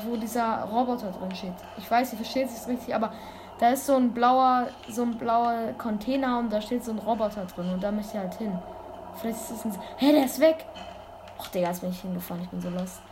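A woman giving casual gameplay commentary, excitable and full of youthful slang, breaking into sudden loud exclamations. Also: on the high side, a little fast. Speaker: let's play gamer. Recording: constant background noise.

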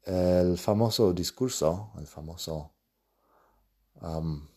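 A man hosting a learning podcast, speaking Spanish with as his language, calmly explaining and repeating example phrases. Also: low-pitched, slow pace, husky. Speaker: podcast host and English teacher. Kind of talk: casual podcast lesson.

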